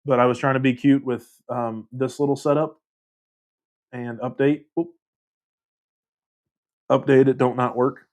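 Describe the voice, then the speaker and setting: A man with a medium-pitched, level voice casually hosts a livestream, reading viewer comments aloud and rambling with self-deprecating laughs. He speaks at a measured pace with long pauses.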